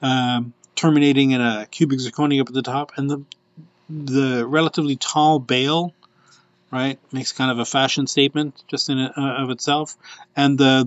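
A man's voice: medium pitch, no room sound. Male host, casual live product showcase, rambling, lots of ums, muffled lo-fi sound, dead dry room. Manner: chatty and rambling, with many fillers.

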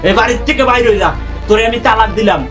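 Man doing drunk angry husband, yelling, high voice, music behind. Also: rapid-fire, natural voice. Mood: drunken rage. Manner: shouting, insulting. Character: drunken abusive husband, young adult. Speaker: actor. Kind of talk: television drama acting.

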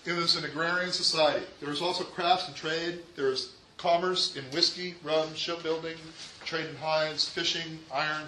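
A man's voice: a little high, bright, forceful tone, a little hiss or hum, poor audio. A man giving a classroom history lecture in an emphatic way, often asking his listeners rhetorical questions. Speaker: history teacher.

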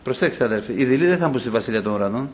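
Animated man preaching. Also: mid-range voice. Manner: impassioned preaching, acting out quoted voices, often addressing "brothers". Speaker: pastor. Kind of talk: sermon.

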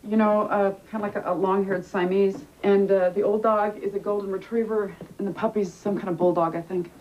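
A woman's voice: mid-range voice, fairly even intonation, fairly quick. An actress playing a worried woman who thinks aloud while she searches for lost pets, heard from a worn VHS tape copy. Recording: dull hissy worn tape dub.

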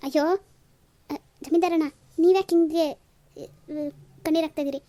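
Woman playing a motherly cartoon mother-in-law, reassuring, high and mellow. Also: steady tone, moderate pace, natural voice. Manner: soothing, reassuring.

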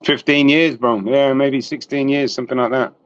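A man's voice: mid-range voice, fairly even intonation, normal speed, clear, resonant tone, no echo. English man chatting on a dull call. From England. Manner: chatty, trailing restarts, says bro and mate. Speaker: guest boxing channel host. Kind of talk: casual chat. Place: small room indoors. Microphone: video call webcam. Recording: dull lo-fi call audio, dry.

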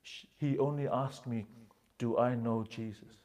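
A man voicing a meek wife who quietly protests to her husband. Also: medium pitch, fairly even intonation, a little slow, natural voice. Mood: protesting.

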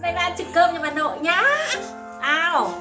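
An older woman, a grandmother, talking excitedly and laughing with family. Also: very high-pitched, brisk. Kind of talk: casual family talk. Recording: echoey room, off mic, loud music.

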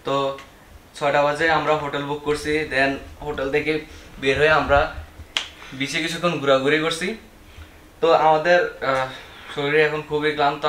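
A man's voice: medium pitch, sharp tone, a little hiss or hum, rough recording. A young man from Bangladesh, teasing his friends in a casual travel vlog filmed on a handheld camera. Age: young adult. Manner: teasing, quick and chatty. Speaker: vlogger. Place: night bus and restaurant, then hotel room.

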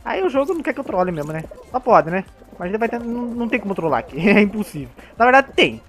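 A man with a Brazilian accent giving excitable gameplay commentary, laughing often and talking to the other players. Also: sits high, fast, faint music behind. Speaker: gamer.

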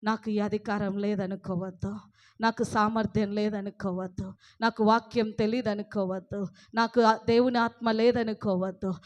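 A woman preacher giving an impassioned sermon, rising to loud exhortation and acting out people's pleading excuses. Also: medium pitch, flat delivery, moderate pace. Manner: acts out pleading excuses in a whiny voice.

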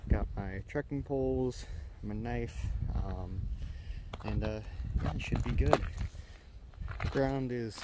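A man's voice: mid-range voice, takes it slowly, pauses often, very noisy. A young man casually narrating his solo camping trip outdoors, rambling with lots of "uh" fillers. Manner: relaxed, rambling with many "uh" fillers. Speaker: camping vlogger. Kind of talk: casual self-filmed vlog narration. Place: outdoors at a forest campsite in winter.

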